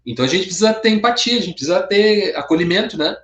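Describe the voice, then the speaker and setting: A father speaks gently and thoughtfully over a video call, pausing and restarting as he finds his words. His voice sits a bit high for a man and sounds roomy. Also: animated. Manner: gentle, reflective, hesitant restarts. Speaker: father in a church group. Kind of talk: casual discussion in an online meeting.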